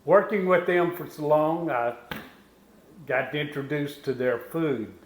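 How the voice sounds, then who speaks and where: A man in his sixties with a West Texas twang, talking through a cooking demonstration in a folksy, unscripted way with pauses. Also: on the high side, rough recording. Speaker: home cook presenting a recipe.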